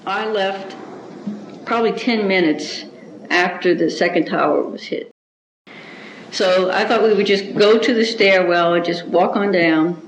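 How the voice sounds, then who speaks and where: A woman's voice: mid-range voice, a little hiss or hum. A woman recalling events in a roomy recording. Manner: measured and reflective, with small restarts. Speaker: interviewee. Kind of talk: oral history recollection. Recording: roomy, dull-sounding recording.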